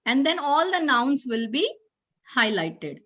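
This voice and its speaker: A woman's voice: high-pitched, big pitch swings, slow pace, fairly bright tone. A woman with an Indian accent presenting a teacher-training session over a video call, explaining patiently step by step and checking in often. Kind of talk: online teaching demo.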